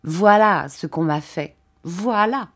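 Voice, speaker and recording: A woman reading an audiobook, voicing a kindly, simple-minded older gentleman who talks in earnest, halting phrases. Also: on the low side, expressive, heavily acted.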